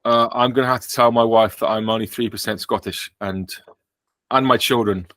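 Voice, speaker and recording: Man, English accent, podcast host, dry self-mocking humor, crisp bright tone, close dry sound. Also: medium pitch, fairly even intonation, normal speed, no echo. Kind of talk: casual podcast chat.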